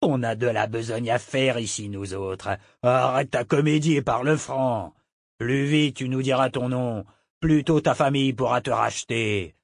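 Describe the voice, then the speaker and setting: A man's voice: mid-range voice, measured pace, gravelly, no room sound, clean studio sound. A man voicing a cheerful, sarcastic pirate captain who drawls his threats. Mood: mocking.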